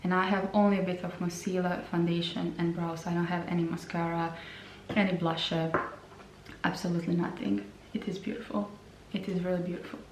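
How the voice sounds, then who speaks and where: A woman reviewing lip products in a slow, hesitant way, often repeating her words. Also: fairly low pitch, level tone, a little hiss or hum. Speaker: beauty vlogger. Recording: roomy sound from a distance.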